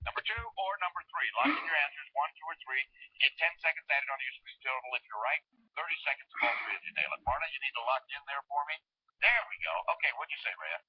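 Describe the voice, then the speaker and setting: A man's voice: medium pitch, husky, dry recording. A man hosting a TV game show, folksy and upbeat as he chats with contestants, heard in muffled lo-fi TV audio.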